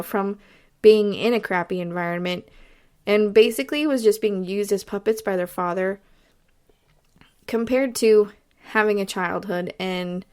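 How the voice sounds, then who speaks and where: Texan woman, podcast host, casual rambling talk, mid pitch, hiccups. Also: clean tone. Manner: chatty, rambling, lots of fillers. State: has the hiccups. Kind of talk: casual solo podcast review.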